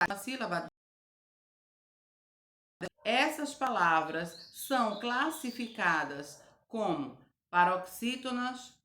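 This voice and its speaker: A woman teacher giving a recorded grammar lesson to children, slowly and patiently spelling out each word. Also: medium pitch, pushed and bright, reverberant. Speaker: primary school teacher.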